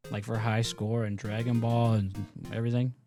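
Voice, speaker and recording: A man's voice: lowish voice, level tone, moderate pace, dark tone, faint music behind. A man giving loose, rambling gameplay commentary as a gaming YouTuber, swearing freely as he plays.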